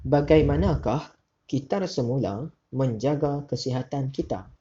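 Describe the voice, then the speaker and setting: A male teacher gives a recorded lesson, reading each question slowly and deliberately before relaxed asides to the pupils. His voice is mellow and a little husky. The recording sounds dull and lo-fi. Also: mid-range voice.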